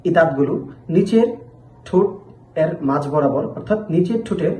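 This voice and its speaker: Man, teacher, patient sound demonstrations, high-pitched, roomy echo. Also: expressive, fairly quick, warm tone, slight background noise. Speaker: Arabic letter teacher. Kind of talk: slow pronunciation lesson.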